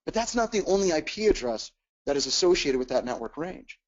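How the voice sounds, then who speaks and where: A man's voice: on the high side, very animated, fairly quick. Man explaining tech on a dull webcast. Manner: explanatory, frequent "uh" and repeated words. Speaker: webcast instructor. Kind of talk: technical webcast presentation.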